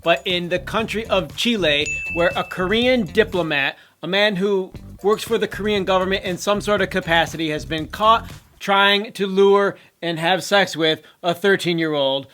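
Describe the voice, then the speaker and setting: A man with a notably high voice co-hosts a news show. He comments casually but with emphasis and strong opinions, over a faint music bed. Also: normal speed, pushed and bright. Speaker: co-host of a Korean pop culture news show.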